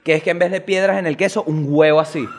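A man with a Venezuelan accent who hosts a comic news show and rants fast, swears a lot, and jumps sharply in pitch. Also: fairly even intonation, long reverb tail. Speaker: host.

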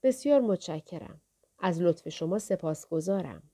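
A woman's voice: lowish voice, animated, dark tone. Audiobook part: a humble, respectful royal daughter, read by a woman, polite court speech. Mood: deferential.

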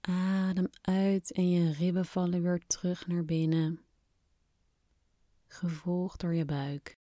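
A woman softly and soothingly guiding a breathing exercise in calm, unhurried scripted instructions, slightly breathy at times. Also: fairly low pitch, no room sound, studio quality. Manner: soft, soothing, unhurried instruction with long pauses. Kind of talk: guided relaxation exercise, scripted narration.

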